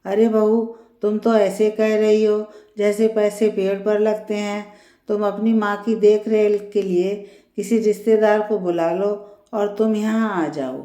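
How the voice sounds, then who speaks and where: A nagging, sharp-tongued older mother-in-law, as a woman reading a story puts her on. She speaks slowly, in a mellow, soft-edged voice. The room echoes around her. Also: mid-range voice, fairly even intonation, close to an everyday voice. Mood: irritated. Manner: complaining, taunting.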